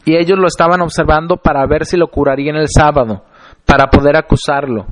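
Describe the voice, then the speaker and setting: Slightly high-voiced male preacher. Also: fairly even intonation. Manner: deliberate, slows down to stress scripture phrases. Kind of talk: sermon reading and explaining scripture.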